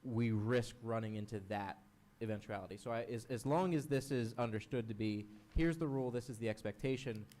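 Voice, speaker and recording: A man speaking as a town commissioner in a council work session, in a measured, articulate way on a meeting microphone. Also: mid-range voice, darkish tone.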